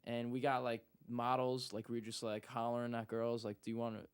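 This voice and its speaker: A man's voice: mid-range voice, a little fast, clear, resonant tone. A young man telling a story in casual talk, acting out what people said. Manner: animated, acts out quotes. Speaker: guest.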